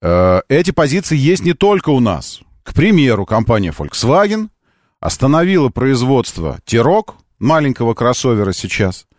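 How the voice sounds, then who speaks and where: A man's voice: mid-range voice, very animated, normal speed, a little mellow, dry recording, clean studio sound. A man hosting a live car call-in radio show, talking conversationally and emphatically, arguing his point and repeating phrases. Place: radio studio.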